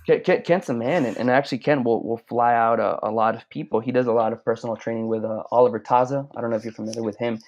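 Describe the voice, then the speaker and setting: A man's voice: mid-range voice, steady tone, fast talker, hardly any pauses, darkish tone. A man from Mexico, a podcast guest, talking casually and rambling with many restarts. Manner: rambling, frequent restarts and stammered repeats. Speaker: guest, clothing brand owner. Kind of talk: casual chat. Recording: slightly dull lo-fi sound.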